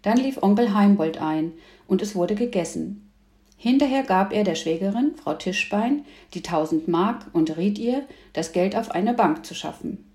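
A woman's voice: medium pitch, expressive, moderate pace, warm tone, reverberant. Woman reading a children's book aloud. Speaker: audiobook reader. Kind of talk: scripted narration.

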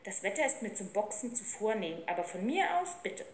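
A woman's voice: medium pitch, very animated, a little fast, a little hiss or hum, natural voice. A woman reading aloud, voicing a cheeky, slangy street boy. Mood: brash. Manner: brash, slangy, eager. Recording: roomy with faint ambience.

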